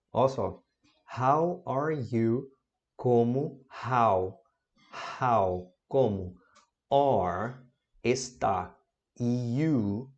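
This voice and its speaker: A Brazilian man giving a casual spoken English lesson, encouraging and informal, who drills sounds by repeating them slowly. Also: medium pitch, mellow. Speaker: English teacher.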